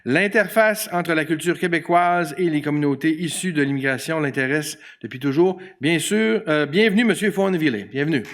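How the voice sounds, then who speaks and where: Homme qui présente les invités. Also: male voice, a little high, normal speed, hardly any pauses, a bit bright, slight background noise. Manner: reads bios steadily with fillers. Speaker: event host introducing panelists. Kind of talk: reading introductions.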